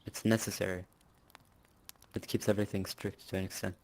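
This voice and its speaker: Man, interview guest, casual and boastful, lowish pitch, monotone delivery. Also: brisk. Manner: boastful, casual, with filler words and laughs. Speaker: interviewee, clan leader.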